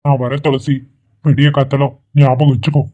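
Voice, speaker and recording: A man's voice: medium pitch, little pitch movement, fairly quick, natural voice. A man voicing a desperate, lovesick young man in a dubbed cartoon, who pleads insistently. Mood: pleading. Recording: tinny phone-like recording.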